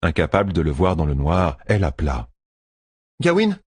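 A man narrating an audiobook with steady storytelling. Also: a bass voice, fast talker, breathy edge, no room sound, clean studio sound.

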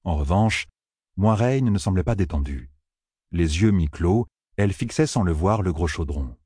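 A man narrating a fantasy novel in a measured, even reading. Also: low-pitched, breathy edge, no echo, clean studio sound. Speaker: audiobook narrator.

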